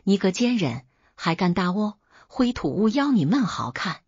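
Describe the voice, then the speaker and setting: A woman's voice: mid-range voice, very animated, normal speed, husky, no echo. A woman voicing a smug, scheming young woman who taunts in a falsely sweet tone, on a dull lo-fi recording. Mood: spiteful. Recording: dull lo-fi audio.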